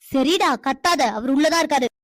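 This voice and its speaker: A woman's voice: high-pitched, normal speed, no room sound, close to an everyday voice. A woman doing a domineering cartoon mother. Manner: scolding, commanding. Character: domineering scheming mother of a grown son. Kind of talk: cartoon voice acting.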